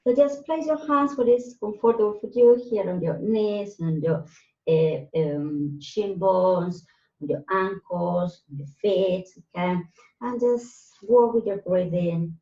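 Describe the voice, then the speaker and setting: A woman's voice: mid-range voice, takes it slowly, warm tone. A woman instructing a live Pilates class, counting breaths and movements aloud in short, spaced cues. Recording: roomy echo, distant mic, slightly dull sound.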